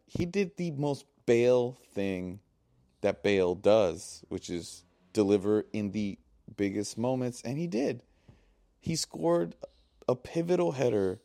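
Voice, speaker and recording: A man's voice: on the low side, vocal fry, mellow. A young man co-hosting a sports podcast, laid-back and teasing, calling his friend "bro". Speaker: podcast co-host. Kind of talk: casual sports chat.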